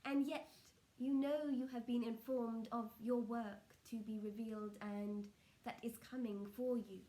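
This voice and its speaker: A woman speaking as a trance channelling seance medium, solemn and measured, delivering spiritual messages in short halting phrases. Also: a little high, fairly even intonation, dark tone, low-quality recording.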